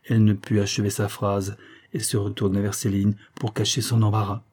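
A man narrating a novel as an audiobook in a measured, even reading manner. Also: lowish voice.

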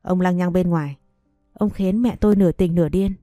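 A woman's voice: on the low side, fairly quick, dark tone, no echo, clean studio sound, faint music behind, lightly acted. A woman reading the lines of a cold, defiant young man in an audio story, speaking curtly. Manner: curt, defiant.

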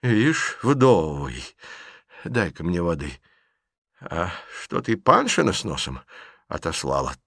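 A man voicing a sharp-tongued, blunt elderly aunt who scolds her niece in an audiobook reading. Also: deep voice, big pitch swings, slow, creaky, long pauses, no room sound, studio quality, voice pushed down, full character voice. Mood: grumbling.

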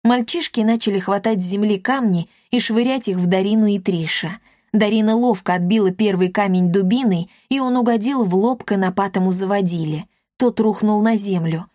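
A woman's voice: mid-range voice, no room sound. Woman narrating a storybook, dry sound. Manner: lively, expressive reading. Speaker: audiobook narrator.

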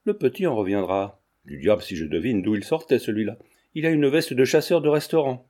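A man's voice: medium pitch, sing-song, normal speed, warm tone. A man voicing a breezy, jocular young man who jokes offhand with his friends.

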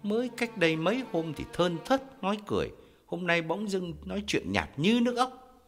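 A man's voice: on the high side, wildly swooping pitch, normal speed, soft background music, voice pushed up, heavily acted. A man voicing a hot-tempered middle-aged man who barks angry demands. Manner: gruff, shouting, demanding.

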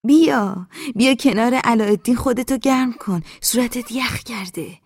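A woman's voice: a little high, a little mellow, slightly rough, no room sound. Woman voicing chatty older librarian lady, fussing nonstop, dry close audiobook voice.

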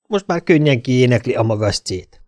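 A man reading an audiobook, voicing a pushy man who blackmails a detective, with a slow, drawn-out, insolent delivery. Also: medium pitch, lively intonation, a little mellow, no room sound, clean studio sound, natural voice. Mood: smug. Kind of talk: audiobook character voice.

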